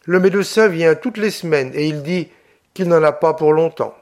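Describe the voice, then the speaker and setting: A man's voice: a little high, moderate pace, darkish tone, lightly acted. A man voicing a talkative, kindly woman who keeps the farm. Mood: chatty. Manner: talkative, apologetic.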